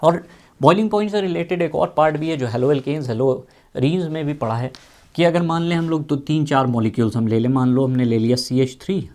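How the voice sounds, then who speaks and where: A man's voice: a little high, moderate pace, darkish tone. A man teaching chemistry in a casual explaining style, repeating his questions and stretching out as he writes. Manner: repeats key questions, drawls out terms while writing.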